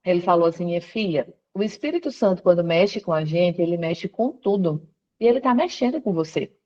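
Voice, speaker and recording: A woman's voice: fairly low pitch, a little fast, muffled recording. A woman, a guest on a call from her workplace, telling her conversion story and acting out what others said. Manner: storytelling, quoting others with lively voice shifts. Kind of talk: conversion testimony interview.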